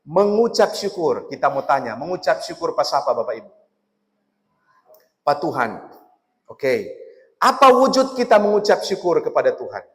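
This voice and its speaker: A male pastor preaching a lively sermon with a Manado Malay accent, often putting questions to his listeners. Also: fairly high pitch, moderate pace, long pauses. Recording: long hall reverb.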